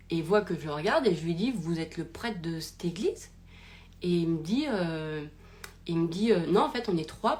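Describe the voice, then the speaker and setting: Recorded live on her phone, a young woman who hosts a podcast rambles through a personal story, often using fillers and starting over. She has a lowish, darkish voice.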